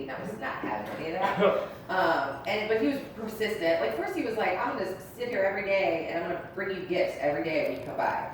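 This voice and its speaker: Young woman comic, blunt and raunchy, slightly low voice, heard from far off in an echoey room with a faint rumble. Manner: blunt, crude and brash, with many ums and likes. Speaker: stand-up comedian. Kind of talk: stand-up set.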